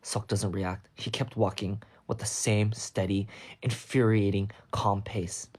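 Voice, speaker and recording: A man's voice: on the low side, little pitch movement, unhurried, darkish tone. A young man reading a piece of fanfiction aloud on a livestream, breaking off now and then to comment wryly on the text. He records at home on a phone mic. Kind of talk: reading a story aloud with asides.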